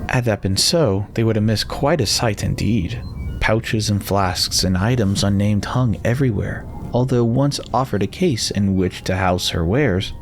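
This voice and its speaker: Guy reading a fantasy novel dramatically, lowish voice, bit of noise and rumble. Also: measured pace. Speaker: narrator.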